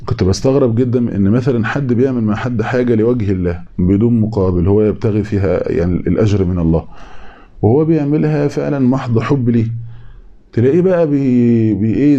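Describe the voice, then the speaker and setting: A man with an Egyptian Arabic accent gives a casual sermon at a brisk clip. His voice is dark and mellow. He plays out imagined voices in lively back-and-forth and drags out key phrases for weight. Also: mid-range voice, lo-fi sound. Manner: conversational, acts out imagined people in quick back-and-forth; repeats key phrases slowly for emphasis. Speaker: preacher. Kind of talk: informal religious talk.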